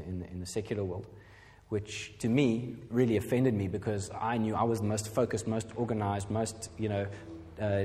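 A middle-aged man with a lowish, dark-toned voice gives a personal testimony as a pastor. He rambles and pokes fun at himself, filling his speech with fillers, and the recording carries hall reverb.

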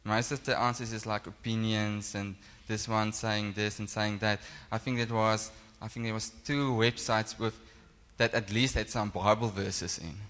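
Man, Namibian accent, native Afrikaans speaker, bright forceful voice, conversational preaching, long hall reverb. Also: on the low side, little pitch movement, normal speed, hardly any pauses. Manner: self-deprecating, plain-spoken, conversational. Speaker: pastor. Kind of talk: informal sermon. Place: large indoor church hall.

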